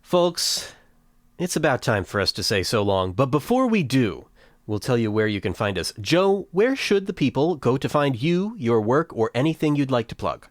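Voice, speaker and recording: A man's voice: medium pitch, big pitch swings, normal speed, dry recording, clean studio sound. A man hosting a casual podcast chat, with jokey, folksy announcer phrasing. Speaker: podcast host.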